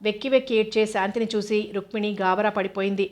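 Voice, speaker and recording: A woman narrating a novel in a steady, even reading voice. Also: mid-range voice, quick pace. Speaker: audiobook narrator.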